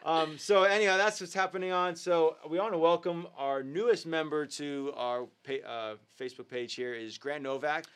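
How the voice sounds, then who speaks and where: His voice is a little high, a bit bright, and clean, moving at a moderate pace with few pauses. He leads a youth ministry and hosts its live talk show, sharing updates and a devotional casually and earnestly, upbeat and heavy on ums and uhs.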